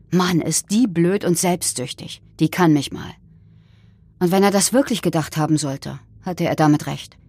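A woman's voice: on the low side, a little mellow, breathy edge. A woman telling a true-crime story in scripted first-person narration.

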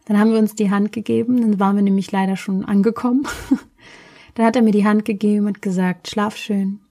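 A woman's voice: medium pitch, mellow. Woman from Berlin, mid-range voice, casual reflective storyteller who gropes for words. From Berlin, Germany.

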